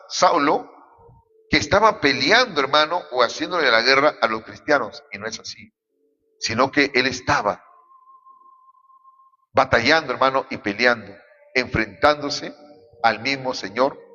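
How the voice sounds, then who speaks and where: A man's voice: a little high, sharp tone. A man from Peru, a pastor preaching a fervent sermon and constantly calling out to the congregation. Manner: fervent, repeatedly addressing the congregation. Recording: dull echoey hall recording.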